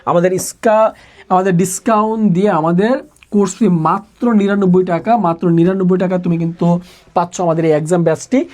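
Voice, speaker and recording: A man teaching a live online exam-prep class who repeats each question and answer again and again, pushing students to answer quickly. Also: high voice, steady tone, a little mellow. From Bangladesh. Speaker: admission exam tutor.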